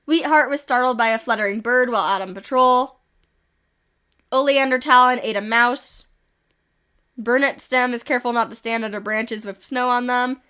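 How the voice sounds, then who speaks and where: A woman's voice: on the high side, fairly even intonation, pushed and bright, smooth. A woman streaming a game, reading events aloud with amused asides, a little sick with occasional coughs. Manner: reads events with quick amused asides and chuckles.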